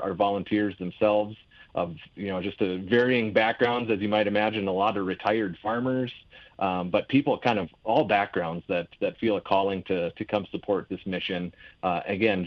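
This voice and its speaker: A man, a nonprofit manager, talking conversationally as a radio interview guest, repeating words hesitantly. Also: fairly low pitch. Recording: dull lo-fi interview audio.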